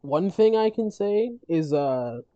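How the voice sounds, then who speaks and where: A streamer chatting casually on a gaming stream, rambling with halting restarts and frequent laughs, their voice worn from talking all day. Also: medium pitch, animated, dark tone, no echo, dull audio. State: losing their voice.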